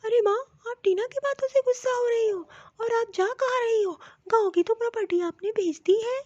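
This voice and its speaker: A woman's voice: very high-pitched, moderate pace, a little mellow. A woman voicing an easygoing young married man in a cartoon story, talking in a soothing, placating way. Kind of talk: cartoon voice acting. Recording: dull, muffled lo-fi recording.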